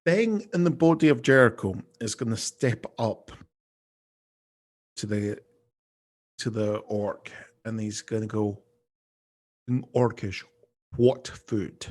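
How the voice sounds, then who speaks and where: A man with a husky voice chatting casually as a tabletop game player on a video call. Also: lowish voice, slow pace, long pauses.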